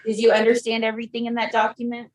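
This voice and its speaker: A woman's voice: on the high side, completely flat delivery, quick pace. Woman judge in an echoey room. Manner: procedural, formulaic, polite. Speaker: judge presiding over court. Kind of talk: formal courtroom questioning. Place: remote court hearing, indoor room.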